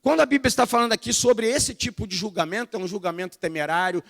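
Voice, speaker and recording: Pastor preaching in an echoey church. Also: male voice, sits high, quick pace, gravelly, fairly bright tone. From Brazil. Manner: conversational, storytelling, addresses the congregation as brothers. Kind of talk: sermon. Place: church hall.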